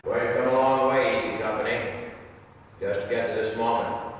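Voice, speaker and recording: A man's voice: mid-range voice, steady tone, normal speed. A man giving a formal ceremonial speech as a military instructor addressing trainees. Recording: echoey, distant mic, faint noise.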